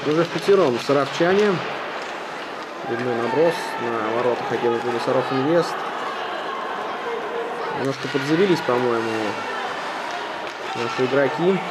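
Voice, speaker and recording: Male hockey commentator amid very loud crowd noise. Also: mid-range voice, normal speed, pauses often. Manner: short, clipped phrases naming players. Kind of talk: live sports play-by-play commentary. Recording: very noisy arena, loud crowd. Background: loud crowd and rink noise.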